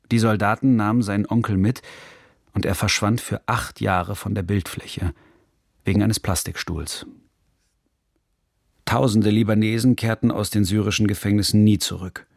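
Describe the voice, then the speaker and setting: A man reading a scripted radio documentary narration in a measured, serious manner, recorded in a studio. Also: on the low side, creaky, a little mellow, no echo.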